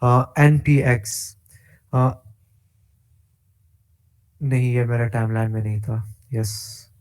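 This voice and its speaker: A male instructor walking through a coding tutorial step by step, pausing with frequent hesitations and mixing English tech terms into his speech. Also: mid-range voice, fairly even intonation, darkish tone, smooth. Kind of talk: screen-share coding tutorial.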